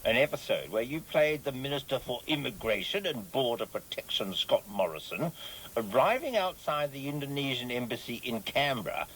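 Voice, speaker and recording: A man's voice: medium pitch, animated, normal speed, fairly bright tone, slight background noise, lightly acted, poor audio. A man playing a prim, officious government inspector in a radio comedy sketch, prying and pompous. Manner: pompous, prying, sing-song emphasis.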